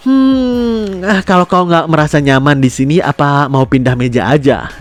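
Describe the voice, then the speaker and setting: A man voicing a polite young woman who turns to scolding a rude stranger, pitched up. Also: normal speed, lightly acted. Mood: hesitant. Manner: indignant, scolding. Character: young woman, polite then angry and protective.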